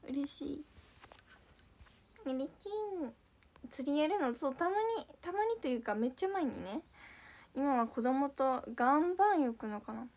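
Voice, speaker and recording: A young woman with a bright, high-pitched voice. She chats casually and giggles often, reacting to viewer comments with quick, bubbly surprise. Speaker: idol livestream host. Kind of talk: casual livestream chat reading viewer comments.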